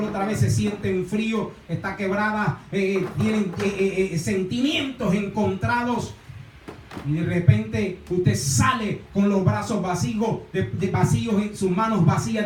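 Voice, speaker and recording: A man's voice: high-pitched, slight background noise. A middle-aged man, a pastor, preaching a sermon. He hesitates often and repeats words, and his voice is picked up from a distance in a church hall. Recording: echoey room, voice from a distance.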